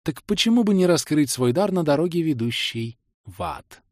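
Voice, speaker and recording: A man's voice: on the high side, expressive, no echo, studio quality, pitched above the performer's own voice. A man voicing a stern, dignified grey-haired female gnome librarian who speaks formally and loftily. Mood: formal, conspiratorial. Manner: formal, measured, lofty speech.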